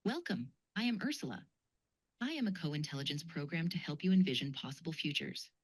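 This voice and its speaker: A woman's voice: low voice, sing-song, breathy edge, full character voice. Ursula, a woman's cloned voice as a formal AI host. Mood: welcoming. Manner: measured, formal, analytical. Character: polite female AI program hosting a futures game. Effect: synthesized voice clone.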